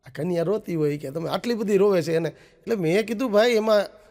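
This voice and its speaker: High gravelly comedian telling jokes in a hall. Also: male voice, a little fast, darkish tone. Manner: acts out the quoted husband and wife with raised voice. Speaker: stand-up comedian. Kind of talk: Gujarati stand-up joke telling. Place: stage show before an audience. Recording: long reverb of a stage hall.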